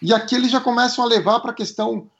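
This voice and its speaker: A man giving conversational analysis as a commentator, speaking in an animated, emphatic way. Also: extremely high pitch, quick pace, lo-fi sound.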